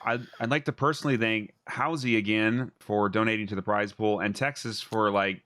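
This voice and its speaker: A man hosting and commentating a live esports tournament, excitable and exclamatory. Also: on the low side, moderate pace, no room sound, clean studio sound.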